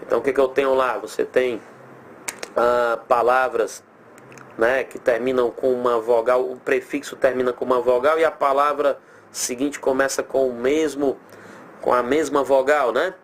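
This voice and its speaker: A man with a Brazilian accent teaching a recorded grammar lesson, animated, drawing out example words slowly and asking himself rhetorical questions. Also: mid-range voice, slight background noise.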